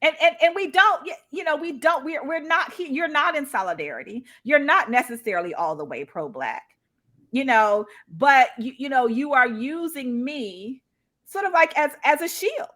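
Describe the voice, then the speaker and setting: This woman sounds high-pitched, animated, and sharp, speaking at a normal pace. On a live online video call she joins the discussion as a guest, recounting her experience in a chatty, emphatic manner while regularly checking in.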